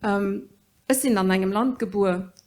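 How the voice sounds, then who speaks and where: A middle-aged woman politician in a panel debate, speaking earnestly and pausing often to search for words. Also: mid-range voice, darkish tone. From Luxembourg.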